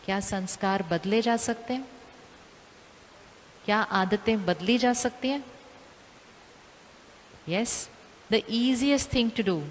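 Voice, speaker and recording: Calm woman giving a spiritual talk, asks the crowd stuff twice, big echoey hall, bit of hiss. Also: medium pitch. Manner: calm, repeats questions to the audience. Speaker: spiritual teacher. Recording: long hall reverb, faint hiss.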